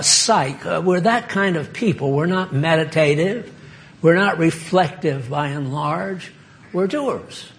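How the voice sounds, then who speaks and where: An older American preacher talks his congregation through scripture in an informal, conversational sermon. His voice sits high and has a gravelly fry to it, and he moves at an unhurried pace. He stops and restarts often, filling the gaps with fillers. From United States. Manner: conversational, halting with many fillers.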